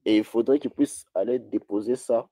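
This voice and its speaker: A man's voice: mid-range voice, moderate pace, a loud crowd. A man speaking as a debate guest, formal and hesitant, stammering as he answers. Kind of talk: debate on a call.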